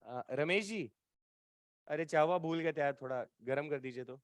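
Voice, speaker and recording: A man's voice: fairly high pitch, moderate pace, no room sound. A man teaching a physics class live from Bihar, chatting and teasing his students as he quizzes them through problems. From Bihar, India.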